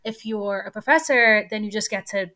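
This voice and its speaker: Animated young woman from Ethiopia. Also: mid-range voice, normal speed. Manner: animated, laughs often. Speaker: guest, computer scientist. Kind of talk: casual interview talk.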